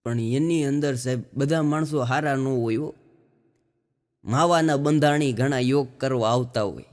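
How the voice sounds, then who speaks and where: A man's voice: medium pitch, unhurried, a little mellow, long reverb tail. A man doing stand-up, telling folksy stories and acting out the dialogue. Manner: folksy storytelling, acts out dialogue. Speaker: stand-up comedian. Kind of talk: live stand-up storytelling.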